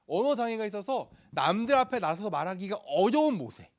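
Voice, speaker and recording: Lively young male youth pastor. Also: high-pitched, a little fast. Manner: lively, playful, acts out voices in the story. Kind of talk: sermon to a youth group.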